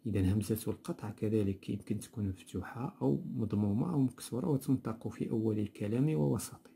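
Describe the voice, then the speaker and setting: Low, dark-voiced Moroccan male teacher. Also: gravelly, a little hiss or hum. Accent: Moroccan Arabic. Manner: explanatory, repeats words slowly, mixes dialect with standard Arabic. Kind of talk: textbook lesson walkthrough.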